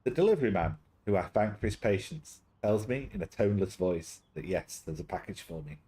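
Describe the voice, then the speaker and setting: A man's voice: fairly low pitch, lively intonation, a little fast, mellow. A young man casually reading a story game aloud on a stream, chatty and easily sidetracked into jokes. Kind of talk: casual live-stream chat and game narration.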